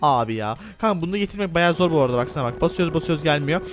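A young man hosting a playful gameplay video, excitable and quick to yelp and gasp as he talks to his viewers. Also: a little high. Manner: excitable, yelps and gasps on the rides. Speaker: gaming video host. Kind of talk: playful gameplay role-play commentary.

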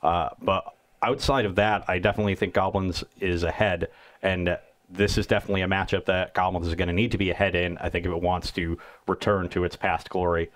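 A man with a fairly low voice co-hosts a card game match. He breaks down strategy in long, steady, analytical explanations, in a casual tone. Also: a little fast.

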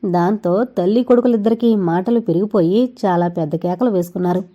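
A woman narrates a family novel in calm, steady storytelling. Her voice is warm and mellow, at an ordinary middle pitch. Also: fairly quick, highs cut off.

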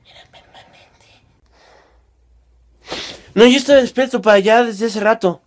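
A woman's voice: a little high, quick pace. A woman with a Mexican Spanish accent acting out exaggerated comedy sketches, switching between mother and child roles.

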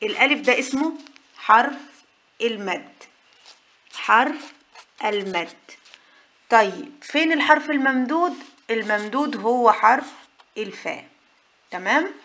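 A woman's voice: on the high side, animated, a little slow, pauses often, bright, forceful tone, slight background noise. A woman with an Egyptian Arabic accent teaching a patient lesson, asking questions and answering them herself. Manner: patient, asks and answers her own questions. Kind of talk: whiteboard lesson for mothers.

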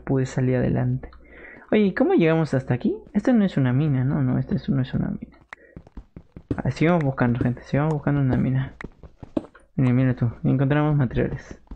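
Mid-range with some vocal fry, this young gaming streamer from Peru talks in a Peruvian Spanish accent as he plays live from his room at home. He chats with viewers, answers their messages and bursts into jokes, all over slightly dull, lo-fi sound with a hint of noise.

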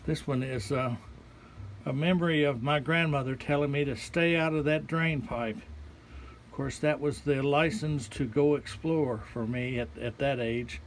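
A man's voice: medium pitch, a little slow, a little hiss or hum. A man, casually showing visitors around a small art gallery and pointing out paintings one by one. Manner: relaxed, folksy, pointing things out one by one. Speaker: artist giving a gallery tour. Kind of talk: casual walking tour narration. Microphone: handheld phone camera.

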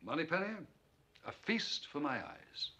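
An actor playing a suave, unflappable British secret agent, smooth and assured, in a film drama. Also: male voice, a little high, big pitch swings, a little slow, bright, forceful tone, a little hiss or hum, full character voice. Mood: flirtatious, wry.

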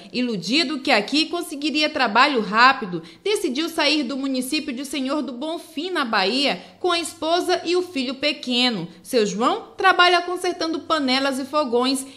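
A woman reporter reading a scripted news voice-over with crisp delivery. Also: high voice, pushed and bright.

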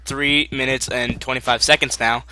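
Bright-voiced young man commentating a game. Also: mid-range voice, little pitch movement, normal speed, slight background noise. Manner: goofy, bickering, frequent laughs and fillers. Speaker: gaming commentator. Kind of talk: casual Minecraft commentary with a friend.

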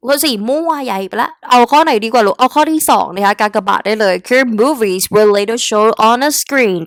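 A young Thai-accented woman tutors English, giving an exam-prep vocabulary lesson in a voice on the high side at a moderate pace, with no room sound. She is chatty, calls her students "kids" as she speaks straight to them, and mixes English words into the lesson.

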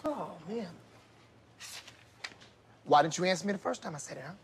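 Comedy sketch casting: a hot-tempered substitute teacher, husky, high-pitched for a man, swinging widely while barking roll call. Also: lively intonation, moderate pace, exaggerated voice. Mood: menacing, exasperated. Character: irate middle-aged male inner-city substitute teacher, strict and combative.

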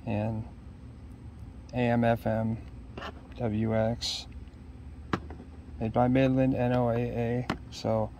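Unboxing gear in a leafy yard, a middle-aged man muses aloud in short, hesitant fragments during an unscripted, casual chat. His medium-pitched voice is warm but completely flat, slow, and broken by long pauses. Outdoor ambience can be heard behind him.

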